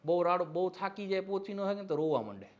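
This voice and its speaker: A male history lecturer with a fairly high voice, teaching an exam-prep class. He talks in a teasing, mocking way, slips satirical asides into the lesson and keeps asking for agreement. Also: expressive, fast, dull audio.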